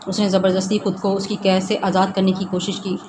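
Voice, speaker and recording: Woman narrating a novel over hiss. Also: medium pitch. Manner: steady storytelling. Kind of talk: reading a romance novel aloud. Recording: noisy background hiss.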